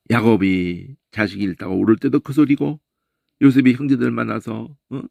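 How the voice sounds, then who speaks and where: Animated gravelly Korean-speaking Bible teacher. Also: male voice, medium pitch, dry recording. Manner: animated, keeps asking "eh?" and mimics voices and sounds.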